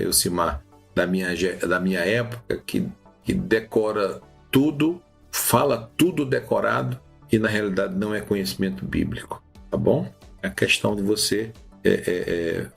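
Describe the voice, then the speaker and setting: A man teaching new preachers in a live-streamed lesson, animated, with many restarts and "tá bom?" checks. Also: lowish voice, gravelly, husky.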